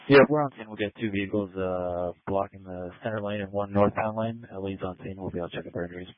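A responder with a very low voice calls in over the police radio, fast and businesslike. The transmission is narrow and tinny, with no room sound. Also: male voice, dry recording. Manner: brisk, practical status updates. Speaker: emergency responder. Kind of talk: on-scene radio report. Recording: tinny, dry two-way radio.

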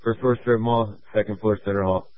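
With a lowish voice and fairly even intonation, he plays the incident commander at a fire, relaying terse, procedural orders over two-way radio, his speech broken by fillers. It's radio dispatch traffic on a tinny, dry channel.

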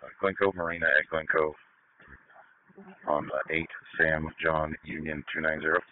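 Deep man over a tinny two-way radio. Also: little pitch movement, moderate pace. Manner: hesitant, reads out codes and numbers. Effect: heard over a two-way radio. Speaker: field officer calling in. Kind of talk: radio traffic. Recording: tinny dry radio channel.

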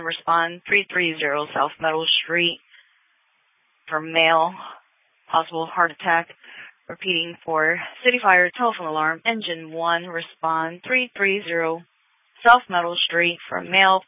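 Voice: medium pitch, dry recording. An emergency dispatcher heard over a two-way radio, giving clipped, formulaic calls and repeating each one. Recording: tinny dry radio transmission.

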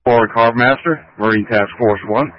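A man working as a harbor master, talking over a marine radio transmission in halting radio procedure with fillers, signing off with "over". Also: medium pitch, no room sound. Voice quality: halting, careful phrasing ending in "over". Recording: muffled dry radio audio.

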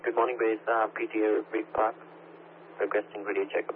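A man's voice: lowish voice, level tone, brisk. A man talking over a walkie-talkie radio, using clipped radio-check protocol. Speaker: radio operator. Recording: tinny two-way radio with heavy static.

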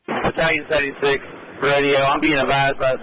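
A man's voice: mid-range voice, flat delivery, fairly quick, crowd noise. A man in a field fire unit, making brief, matter-of-fact calls to dispatch over a two-way radio. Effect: two-way emergency radio transmission. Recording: muffled radio with faint static hiss.

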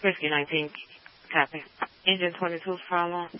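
A man's voice: high voice, fairly even intonation, fairly quick. A man working as a fire dispatcher, giving clipped, routine calls over a two-way radio. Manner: clipped, routine call-and-response. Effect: two-way radio transmission. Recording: muffled radio with faint hiss.

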